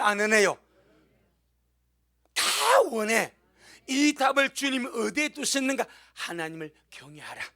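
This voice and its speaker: In a church, a male pastor delivers a sermon with emphatic, exclaiming force, at times crying out to God. His very high voice is gravelly, pushed and bright.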